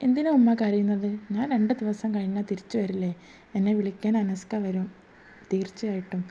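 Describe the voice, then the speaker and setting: A woman voicing a gentle young wife who speaks softly and pleadingly, in a dull lo-fi recording. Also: mid-range voice, level tone, brisk, breathy edge. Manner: soft, pleading.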